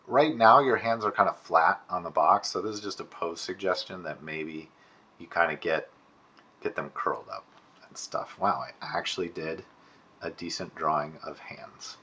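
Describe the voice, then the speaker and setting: Recorded indoors at a computer with lo-fi sound, a man with a low, sharp, slightly rough voice gives informal spoken critique of student work as an instructor. He thinks aloud, hedging and restarting as he goes.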